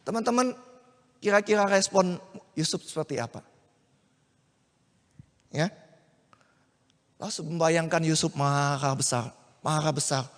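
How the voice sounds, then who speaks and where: A male preacher with a high voice tells a story animatedly, turning often to his listeners. He speaks in a church hall whose long reverb trails each phrase. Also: a little slow, long pauses. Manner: animated, addresses listeners directly. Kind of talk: sermon with storytelling.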